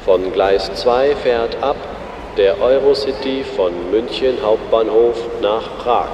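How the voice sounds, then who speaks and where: Male platform announcer, acted, formal and measured, long echo, faint vehicle ambience. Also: on the low side, highs cut off. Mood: formal, neutral. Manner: formal, measured, clearly enunciated. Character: male railway station announcer, formal and matter-of-fact. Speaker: station announcer. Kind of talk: scripted railway platform announcement for a listening exercise. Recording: echoey station PA, street noise behind.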